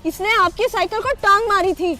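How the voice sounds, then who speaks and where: A woman playing a stern protective elder sister, very high. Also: fairly even intonation, brisk, sharp tone. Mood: scolding. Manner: caring but stern. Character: protective elder sister who scolds the cheater. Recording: music behind.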